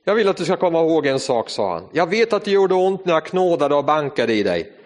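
A man voicing a calm, patient master potter who speaks quietly and steadily. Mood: gentle. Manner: quiet, low, unhurried. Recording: reverberant hall.

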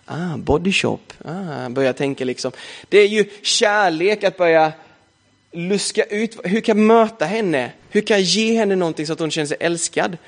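A young man preaching a sermon in a casual, chatty way, often adding "liksom" as a filler. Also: high-pitched.

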